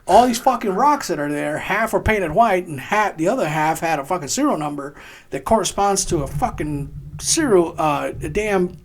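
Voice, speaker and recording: Profane, laughing veteran storyteller, gravelly. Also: male voice, sits high, lively intonation, moderate pace. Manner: profane, laughing, acts out shouted quotes. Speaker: podcast co-host, army veteran. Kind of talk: casual storytelling chat.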